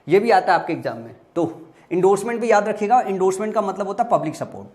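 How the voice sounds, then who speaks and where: A man's voice: high voice, very animated, quick pace, darkish tone. A young man teaching an exam-prep vocabulary lesson, explaining patiently and asking and answering his own questions. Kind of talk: exam-prep lesson, Hindi mixed with English.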